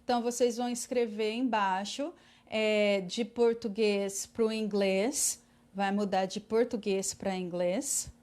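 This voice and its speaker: A woman teaching English in an online class, patiently explaining and repeating English words slowly for pronunciation. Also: mid-range voice, fairly even intonation, darkish tone.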